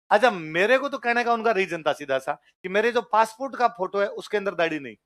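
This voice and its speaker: High-voiced Rajasthani male teacher. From Jodhpur, Rajasthan. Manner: animated storyteller acting out quoted voices. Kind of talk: storytelling anecdote in a lecture.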